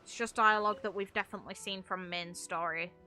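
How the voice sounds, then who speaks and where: This woman speaks quickly in a sharp, mid-range voice with fairly even intonation. She's casually and bluntly chatting on a live game stream, occasionally swearing, with video game music behind her.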